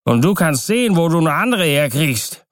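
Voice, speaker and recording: A man's voice: on the high side, sing-song, moderate pace, no echo, studio quality, voice pushed up. A man playing a rowdy drunken sailor. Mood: defiant. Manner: rowdy, bellowing, slurred. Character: drunk, defiant male sailor, coarse and boastful.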